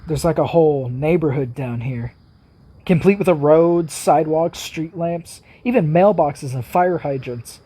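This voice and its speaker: A man hosts a reaction video, musing and speculating aloud in a relaxed, casual way. His voice sits slightly high but sounds dark and mellow. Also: a little slow, husky.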